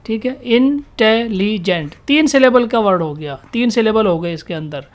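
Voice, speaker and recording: In this vocabulary lesson for exam takers, the teacher is a woman who raises questions and answers them on her own. She keeps repeating the key words and reads English definitions slowly, using an expressive mid-range voice.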